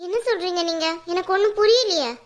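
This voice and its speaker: A woman's voice: very high-pitched, fast. A woman voicing a middle-aged mother in a cartoon, scornful and scolding. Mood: shocked. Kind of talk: cartoon voice acting.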